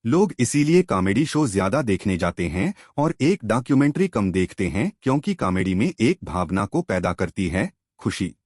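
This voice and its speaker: A low, husky male voice narrates a book summary, talking straight to the listener and posing questions. His pitch moves up and down freely, and the recording is dry and close. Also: sing-song, moderate pace, few pauses, a little mellow, no echo. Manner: explanatory, addresses listener directly with questions.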